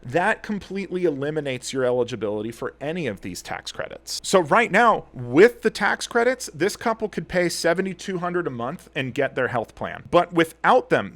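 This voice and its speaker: A man giving an earnest, animated explainer commentary as an attorney and commentator. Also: a little high. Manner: earnest, animated, gets heated.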